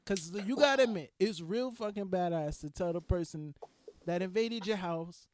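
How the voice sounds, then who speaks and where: A man co-hosting a casual podcast chat, an animated storyteller who swears freely and gets loud when excited. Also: high-pitched, normal speed, dry recording, studio quality. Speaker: podcast co-host.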